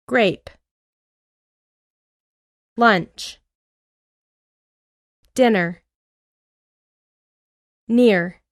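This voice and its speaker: A woman reading an English lesson aloud, with clear, deliberate drill phrases and an American accent. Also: medium pitch, dry recording, clean studio sound. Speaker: English teacher. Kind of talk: slow scripted lesson reading.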